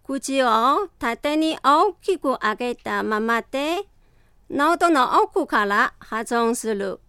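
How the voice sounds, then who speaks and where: Woman language teacher, high bright voice, very slow careful delivery, dry close sound. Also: lively intonation, clean tone, dry recording. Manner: careful, deliberate demonstration of sounds. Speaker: Chinese language instructor. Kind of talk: slow scripted language lesson.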